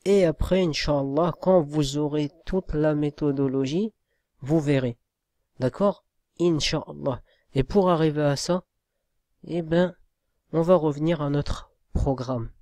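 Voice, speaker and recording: A man's voice: on the high side, dark tone, dry recording, studio quality. A man teaching Arabic reading in a spoken lesson, patiently spelling out sounds letter by letter and often checking in with his listeners. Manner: slow, patient, checks in with "d'accord?".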